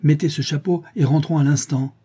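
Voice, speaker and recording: A man's voice: on the low side, lively intonation, moderate pace, mellow, slightly rough. A man reading aloud and voicing a stern middle-aged housekeeper who scolds a runaway girl sharply. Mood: scolding.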